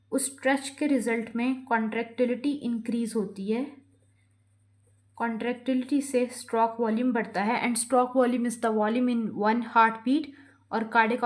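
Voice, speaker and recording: A woman's voice: a little high, a little mellow. A young woman giving a medical lecture, mixing in English terms and checking in often with listeners. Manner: explanatory, frequent "theek hai" check-ins, slows for English terms. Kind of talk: explaining lecture, Hindi-English code-switching.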